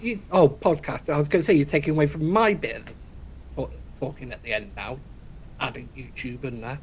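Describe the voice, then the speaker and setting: A man co-hosting a podcast, laid-back and quick to laugh, trailing off mid-sentence. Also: mid-range voice, husky. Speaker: podcast co-host. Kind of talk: casual chat.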